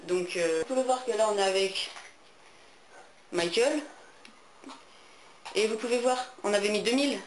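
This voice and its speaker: A man's voice: sits high, normal speed, pauses often. A teenage boy explaining console steps in a tutorial, speaking hesitantly with many fillers. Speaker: gaming tutorial maker. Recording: echoey room, faint noise.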